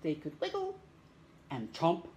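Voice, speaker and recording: A middle-aged storytime host reads a picture book aloud to young children from a small room at home. Her voice sits low and has a darkish tone, swooping wildly in pitch at a slightly slow pace as she dramatically draws out words and asks the children questions.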